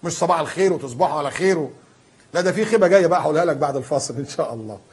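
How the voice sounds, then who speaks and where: A man preaching in a colloquial style with an Egyptian accent. He is animated and emphatic, and he acts out the people he quotes. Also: a little high, very fast, breathy edge. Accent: Egyptian Arabic. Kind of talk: colloquial sermon.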